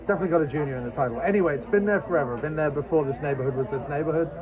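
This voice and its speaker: A man with a slightly high voice chats casually in a diner. He is talkative and agreeable, with a clear bustle of other customers around him. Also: very fast. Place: inside a busy diner. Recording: busy diner chatter behind the voice. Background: crowd chatter.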